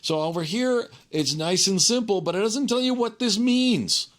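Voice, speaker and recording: A man teaching an informal technical tutorial, thinking aloud in a conversational way and often checking in with a quick okay or right. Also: sits high, lively intonation, fairly bright tone. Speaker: instructor.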